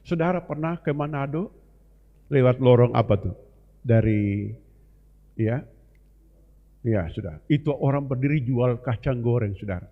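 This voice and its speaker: A man's voice: mid-range voice, lively intonation, measured pace, pauses often. A male pastor preaching a sermon to a congregation, often addressing them directly as brothers and sisters. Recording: long reverb, dull lo-fi sound, live broadcast.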